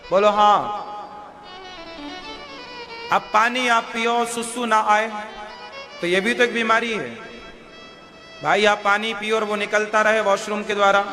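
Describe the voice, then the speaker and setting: A man's voice: high voice, steady tone, slow pace, long pauses. A male spiritual preacher giving a devotional sermon in a homely, coaxing way, drawing answers from his listeners. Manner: homely, coaxing talk that draws answers from the crowd. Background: violin music.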